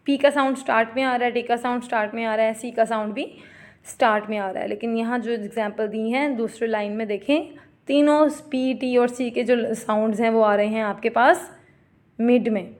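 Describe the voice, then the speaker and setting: A woman giving a classroom lecture, explaining terms in Hindi-Urdu and reading definitions slowly, addressing students as "beta". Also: a little high, fairly even intonation.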